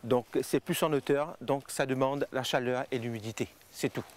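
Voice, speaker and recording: A man guiding visitors through tea fields and a factory, explaining in halting sentences full of fillers. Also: mid-range voice. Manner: halting, with frequent fillers and restarts. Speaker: tea estate guide. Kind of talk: explanatory interview answers.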